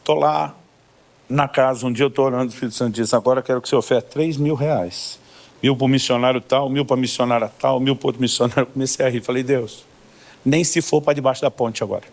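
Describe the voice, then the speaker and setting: A man's voice: mid-range voice, steady tone, quick pace. A middle-aged man with a Brazilian accent, a pastor preaching a sermon through humorous personal stories, acting out both sides of conversations. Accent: Brazilian Portuguese. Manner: humorous storytelling, acting out dialogues with God and church members.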